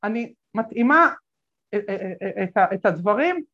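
A woman guest telling stories in an interview, animated, acting out the voices of people she quotes, with many fillers. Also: medium pitch, lo-fi sound. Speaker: guest speaker. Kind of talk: conversational interview storytelling.

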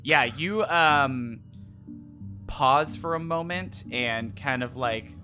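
A man running a tabletop game as game master, improvising his narration in an informal, halting way. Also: medium pitch. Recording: music playing behind the voice. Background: background music.

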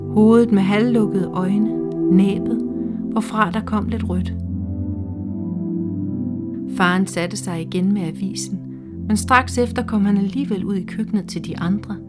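Hushed woman reading a literary story. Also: mid-range voice. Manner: slow, hushed, measured storytelling. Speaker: reader. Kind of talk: scripted literary narration. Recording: faint music underneath.

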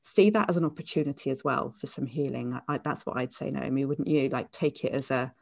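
A woman hosting a podcast, talking in a gentle, affirming, conversational way with frequent fillers. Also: very deep voice, a little fast, vocal fry. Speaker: podcast host. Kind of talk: casual conversational interview.

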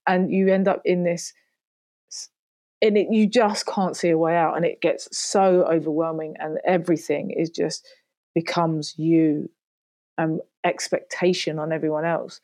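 A woman's voice: deep voice, flat delivery, unhurried, warm tone, no room sound. A woman guest in her forties talking candidly and reflectively, peppered with "you know", about her work and loneliness. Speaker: guest, singer and podcaster. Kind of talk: candid interview talk.

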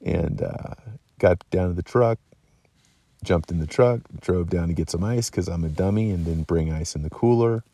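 At night in his mountain camp, a man with a low voice speaks at a moderate pace for his hunting vlog. Worn out and yawning, he chats loosely and rambles, stumbling through plenty of ums and fresh starts.

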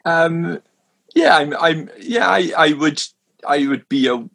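A Welsh-raised minister in London chats casually and hesitantly, restarting often and letting out small self-deprecating laughs. His voice is on the high side, animated and creaky, with a fairly bright tone, and he takes things slowly.

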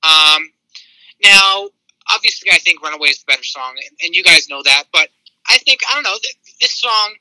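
A man's voice: on the high side, huge pitch swings, normal speed, vocal fry, bright, forceful tone, no room sound, poor audio. A man heard over a phone speaker, giving his take on a song as a guest on a call. He talks casually and hesitantly, with many fillers and repeats. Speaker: guest music reviewer on a call. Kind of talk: casual chat.

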